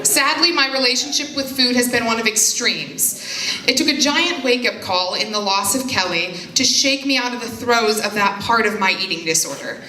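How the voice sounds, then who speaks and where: A woman's voice: on the high side, moderate pace, pushed and bright, slight background noise. Brief: young woman speaking on stage, candid and self-mocking, echoey room. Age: young adult. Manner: candid, self-deprecating humor. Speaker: foundation spokesperson. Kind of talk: personal speech to an audience. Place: stage before a live audience.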